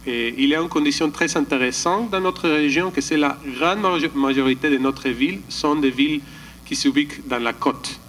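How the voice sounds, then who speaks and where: A man's voice: fairly high pitch, normal speed, fairly bright tone, slight background noise, low-quality recording. A man giving a slide presentation at a conference, hesitant, often restarting and searching for words. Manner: calls for the next slide.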